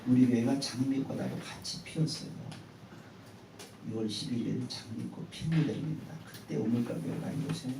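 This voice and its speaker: A man's voice: mid-range voice, fairly even intonation, normal speed, creaky, noisy background. A male pastor preaching a sermon in a church sanctuary, telling a story and leading the congregation in call-and-response. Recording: echoey church hall from far off.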